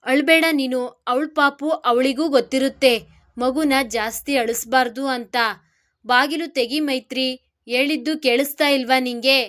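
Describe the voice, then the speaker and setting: A woman's voice: sits high, fairly even intonation, unhurried, a bit bright. A woman voicing a stern but caring middle-aged mother-in-law who speaks firmly.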